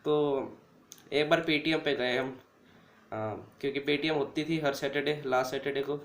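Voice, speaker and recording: A man's voice: mid-range voice, steady tone, normal speed, fairly bright tone. Chatty young man in an echoey room. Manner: chatty, addresses listeners as "bhai". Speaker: vlogger. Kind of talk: casual storytelling. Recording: roomy echo.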